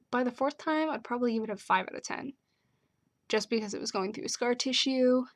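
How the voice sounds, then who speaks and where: A young woman chatting casually to her camera, with lots of "like" and "um" fillers. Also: a little high. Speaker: vlogger.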